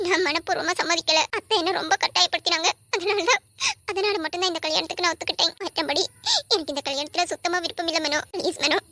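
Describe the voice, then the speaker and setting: A woman's voice: very high voice, fairly even intonation, very fast, sharp tone, heavily acted. A woman voicing a tearful young bride in a cartoon drama, pleading with emotion.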